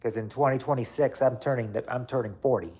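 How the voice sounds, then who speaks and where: Husky and mellow at a medium pitch, this man talks at a quick pace while hosting a livestream. In his late thirties, he reads viewer comments in casual chat, rambling and repeating himself, heavy on fillers.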